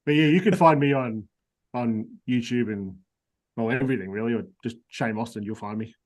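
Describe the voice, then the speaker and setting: A man's voice: mid-range voice, brisk, darkish tone. A man guesting on a podcast, chatting casually in a laid-back, joking way.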